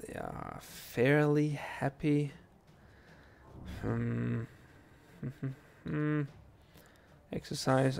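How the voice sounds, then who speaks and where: Streaming a video game, a young Danish non-native speaker chats with his viewers in a creaky, mid-range voice. His manner is relaxed and halting, peppered with ums and false starts. Game music plays faintly behind him.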